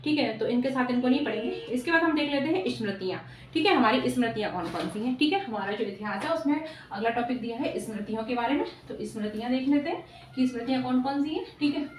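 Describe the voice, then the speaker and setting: A woman's voice: a little high, lively intonation, quick pace, a little hiss or hum. A woman teaching an exam-prep lesson at a whiteboard, often repeating "ठीक है" and asking rhetorical questions to quiz her students. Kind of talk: whiteboard lecture. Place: classroom with a whiteboard. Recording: echoey room, voice from off-mic.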